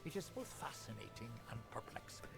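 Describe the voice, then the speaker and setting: An actor playing a solemn, ancient otherworldly immortal with a gravelly voice in a fantasy video game. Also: male voice, medium pitch, very animated, fairly quick. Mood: solemn, intrigued. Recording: quiet distant game audio under loud music.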